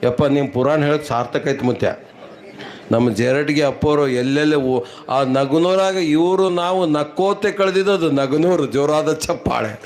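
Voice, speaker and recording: Man comedian, high voice, rhyming folksy jokes. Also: normal speed. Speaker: stage comedian. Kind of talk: humorous storytelling at a village event.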